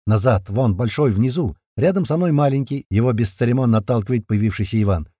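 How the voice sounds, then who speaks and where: A man's voice: mid-range voice, animated, fairly quick, mellow, dry recording, studio quality. A man narrating a first-person action audiobook in a terse, punchy, slangy manner.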